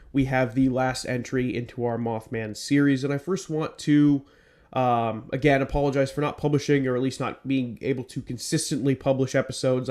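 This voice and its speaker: A podcast host with a mid-range, darkish voice sounds stuffed up from a cold. He starts with scripted narration, then slides into casual, rambling talk full of ums.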